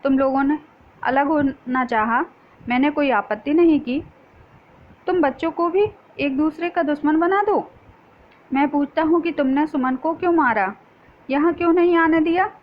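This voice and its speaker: A woman's voice: sits high, moderate pace, long pauses, close to an everyday voice. A woman reading the part of a stern elderly man who heads a family, scolding as she reads. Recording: dull lo-fi recording.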